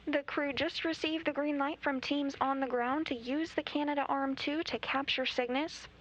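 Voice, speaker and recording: Female live mission commentator, high voice, slightly dull broadcast audio with faint background noise. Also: steady tone, normal speed, a bit bright.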